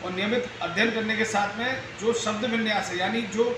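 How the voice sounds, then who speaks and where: A man's voice: high voice, steady tone, fairly quick. A man answering interview questions about journalism in an earnest, explanatory, lecturing way, recorded in an echoey room with background noise. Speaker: speaker on journalism.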